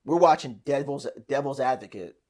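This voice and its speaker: A man hosts a podcast in a loose, conversational way. He rambles through his stories and keeps restarting his sentences. His voice sits at an ordinary middle pitch. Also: expressive, normal speed, a little mellow. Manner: chatty, rambling storyteller with frequent restarts. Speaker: podcast host. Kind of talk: casual podcast chat.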